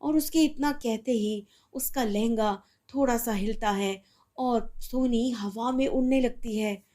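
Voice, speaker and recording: Woman narrating a story calmly. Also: on the high side, slow.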